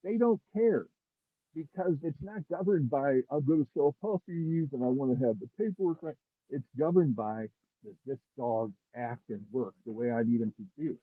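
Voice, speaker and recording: Heard over earbuds on a remote call, a man with a medium-pitched voice talks at a moderate pace with no room sound, casually discussing his work as a dog breeder. His speech rambles with many restarts, and the dry, husky, phone-quality audio is muffled as if through a wall.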